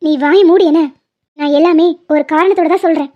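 A woman's voice: extremely high pitch, steady tone, brisk. A woman voicing a bossy young college student who lectures her friend in a cartoon. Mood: scolding. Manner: scolding, lecturing. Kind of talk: animated cartoon voice acting. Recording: dull lo-fi sound.

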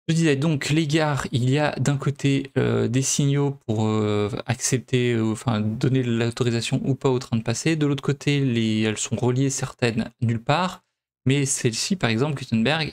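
Casting note: young man from France, let's play host, mid-pitched, halting delivery full of fillers. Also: a little mellow. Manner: hesitant, many fillers and restarts. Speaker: gameplay video host. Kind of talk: casual let's play commentary.

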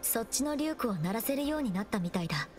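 With a fairly high, sing-song voice, a woman plays a young female adventurer, the game's protagonist, who muses quietly as she explores and works through puzzles. The character comes across as calm, observant and composed, and game music plays beneath the voice.

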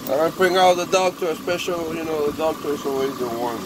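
A native Spanish speaker with a Spanish accent talks fast in a higher-pitched male voice. He runs an eBay parts store and films on a phone camera held close in his cluttered indoor workshop, casually showing customers a broken chainsaw and addressing it like a pet. Engine and machine noise comes through clearly on the phone recording.

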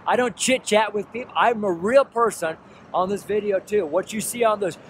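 A 60-something street preacher addresses a camera held at arm's length at the roadside, his high voice at a moderate pace. He pleads earnestly, repeating his points, with faint traffic noise in the background.

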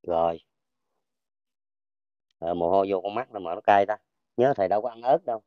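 A man with a Southern Vietnamese accent, a folk healer talking casually as he works, checking for pain and cheering loudly. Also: on the low side, fairly quick, dry recording, phone-quality sound. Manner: keeps checking for pain, loud cheerful exclamations. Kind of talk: casual talk while treating a patient.

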